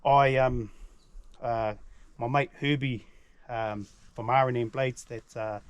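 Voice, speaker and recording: A man's voice: mid-range voice, steady tone, slow, clean tone, dry recording, highs cut off. A man with a broad New Zealand accent talks as the host of a hunting vlog, in a laid-back, slangy, matey way. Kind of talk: casual outdoor vlog talk and narration. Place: outdoors in a mountain valley.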